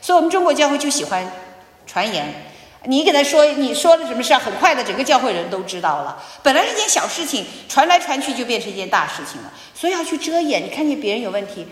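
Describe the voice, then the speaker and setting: A woman giving a personal testimony in church, telling her story with animated storytelling and acted-out dialogue. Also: on the high side, fast talker. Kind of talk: sermon testimony. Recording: echoey hall.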